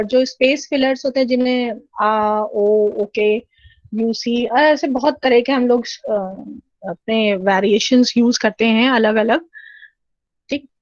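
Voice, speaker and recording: Higher-voiced woman lecturing over slides. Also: a little mellow, no room sound. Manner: explanatory, frequent 'theek hai' check-ins. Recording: dull, lo-fi and dry.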